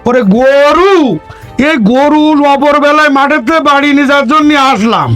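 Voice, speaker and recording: Male actor as a grumpy, mishearing village cowherd, shrill and touchy. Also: normal speed, a bit bright, faint music behind. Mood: grumbling. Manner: indignant, mishears everything.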